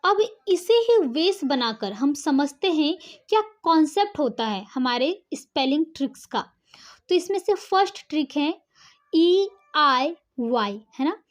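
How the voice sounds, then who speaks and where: A woman's voice: sits high, sing-song, a little slow. A woman teacher giving an online English lesson, explaining step by step and often checking in with the learner.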